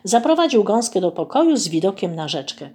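Expressive woman reading a children's story. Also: mid-range voice, fairly quick. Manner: gentle, expressive narration.

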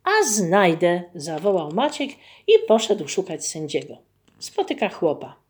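A woman reading a folk tale aloud, with expressive, unhurried storytelling. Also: on the low side.

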